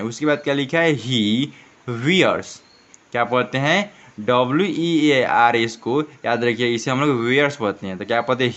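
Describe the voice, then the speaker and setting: A man's voice: mid-range voice, fairly bright tone. Guy teaching english words, spells them out, asks then answers himself, kinda muffled lo-fi audio. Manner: spells words letter by letter, asks and answers his own questions. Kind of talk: classroom lesson.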